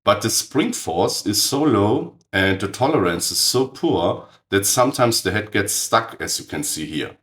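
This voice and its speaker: A man narrates a technical build in a precise, matter-of-fact way, his voice raspy and hoarse from a cold. He sits somewhat low in pitch and delivers blunt verdicts plainly. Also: expressive, measured pace, hardly any pauses, a bit bright. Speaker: channel host.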